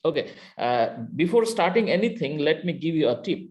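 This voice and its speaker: A man from Bangladesh, lecturing a university class online, has a slightly high, sing-song, somewhat mellow voice and talks a little fast. Heard through a computer mic on a video call, he speaks hesitantly with many fillers and false starts in his Bangladeshi accent.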